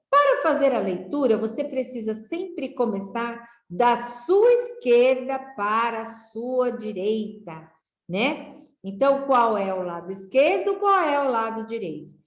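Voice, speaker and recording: A Brazilian woman teacher giving a children's literacy lesson, reading aloud slowly in a sing-song way with rising exclamations. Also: fairly high pitch, roomy sound. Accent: Brazilian Portuguese.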